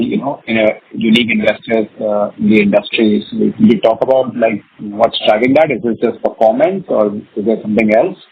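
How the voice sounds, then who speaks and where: Man asking questions over the phone. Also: mid-range voice. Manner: halting, filler-heavy questioning. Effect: over the phone, audio cutting out. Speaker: analyst asking questions on a conference call. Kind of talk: earnings call questions. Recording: muffled phone line with faint noise.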